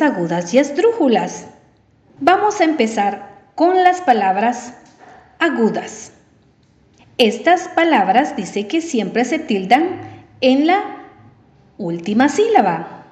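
A woman teacher speaks slowly to her students at home, her voice a touch high and swinging widely up and down. She stretches out each example word in a sing-song way and keeps an encouraging tone. The sound carries a noticeable echo from the room. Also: darkish tone, dull audio. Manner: drawn-out, sing-song emphasis on example words; patient, encouraging, addresses the listener directly. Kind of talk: slow, deliberate televised grammar lesson.

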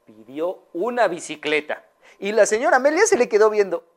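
Lively woman telling a children's story. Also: mid-range voice, a little fast. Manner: asks the young listeners questions.

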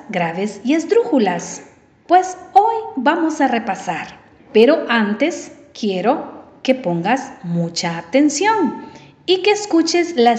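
A woman teacher speaks slowly to her students at home, her voice a touch high and swinging widely up and down. She stretches out each example word in a sing-song way and keeps an encouraging tone. The sound carries a noticeable echo from the room. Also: darkish tone, lo-fi sound. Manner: drawn-out, sing-song emphasis on example words; patient, encouraging, addresses the listener directly. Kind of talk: slow, deliberate televised grammar lesson.

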